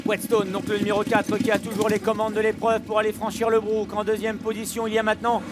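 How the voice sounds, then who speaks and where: A man's voice: sits high, completely flat delivery, fast talker. A man calling a live horse race as a commentator, listing runners and their positions in a continuous flow.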